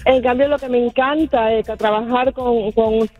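A woman who owns a cleaning company calls into a radio show. Her voice is mellow and dark, and her talk is measured and deliberate. The line sounds dull and lo-fi. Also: fairly high pitch, fairly even intonation. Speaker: caller, cleaning company owner. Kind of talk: phoned-in radio call.

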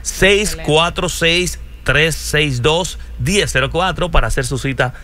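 Male radio host, bright forceful voice, urgent sales-pitch delivery. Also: slow pace. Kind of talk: promotional radio talk.

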